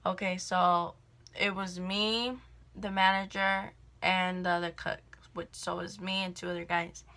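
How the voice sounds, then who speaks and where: A woman's voice: lowish voice, little pitch movement, a little slow, bright, forceful tone. A young woman in a casual storytime vlog, rambling through a work story with lots of fillers and swearing, recorded indoors on a camera mic while doing her makeup. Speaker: vlogger telling a work story.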